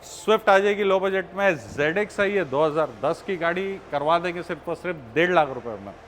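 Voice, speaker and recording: A man's voice: a little high, a little fast, a bit bright. A man, a used-car dealer giving a hard-sell list of models and prices with emphatic repeated phrases. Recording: faint ambient background noise.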